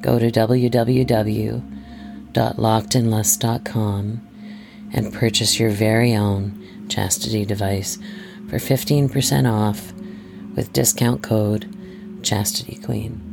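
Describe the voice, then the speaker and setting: A storyteller hosting an adult story series in a soft, intimate, scripted first-person narration, hushed and measured, slipping into breathy whispers. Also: mid-range voice, little pitch movement. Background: music.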